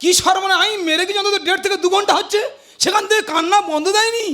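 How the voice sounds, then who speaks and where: A man playing a hot-tempered, quarrelsome village husband and uncle in a comic folk play, loud and blustering. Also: extremely high pitch, very fast. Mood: furious. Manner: loud, blustering, prone to shouting. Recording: loud folk music behind.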